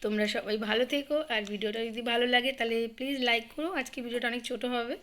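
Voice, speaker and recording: A young woman with a hoarse voice from a cold, vlogging casually at home and talking softly, at times sing-song to her baby. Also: fairly high pitch, fairly even intonation, rapid-fire.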